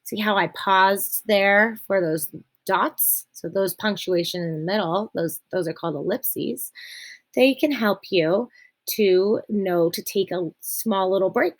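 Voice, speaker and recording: A young woman teacher walks children through a reading lesson, patient and clear in her explanations. She slows down to make each point and reads passages aloud with plenty of expression. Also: mid-range voice.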